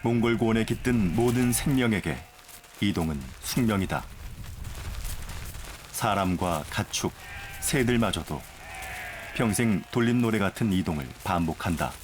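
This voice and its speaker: A man narrating a nature documentary from a script in a measured, formal way. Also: fairly low pitch, lively intonation, background noise.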